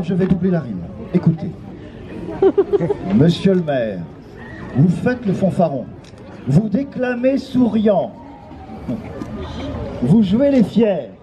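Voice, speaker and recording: A man's voice: high-pitched, big pitch swings, takes it slowly, long pauses, full character voice. A man playing a boastful, theatrical count, declaiming like a hammy stage actor in an improvised verse duel. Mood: gloating. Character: boastful count claiming his lost castle, theatrical. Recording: noisy outdoor show with crowd.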